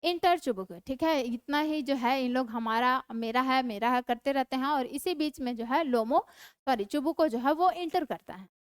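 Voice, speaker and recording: Woman teacher, Indian English accent, high voice, crisp clear tone, dry close sound, reads play lines slowly then explains plainly. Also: dry recording.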